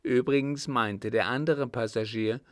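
A man's voice: mid-range voice, fairly even intonation, measured pace, no room sound, studio quality, close to an everyday voice. A man voicing a curt village innkeeper who answers bluntly and dismissively.

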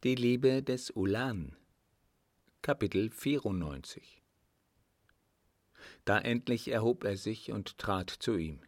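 Slow, solemn male audiobook narrator. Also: lowish voice, no echo, clean studio sound. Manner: measured, solemn reading. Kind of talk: scripted narration.

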